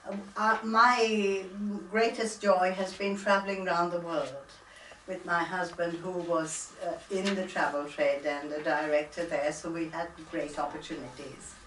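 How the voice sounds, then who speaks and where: A woman in her seventies with a lowish voice introduces herself, friendly and a little hesitant. The room around her is roomy. She is picked up from some distance. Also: fairly even intonation, unhurried, fairly bright tone, slight background noise. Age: 70s. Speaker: guest. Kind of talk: casual self-introduction.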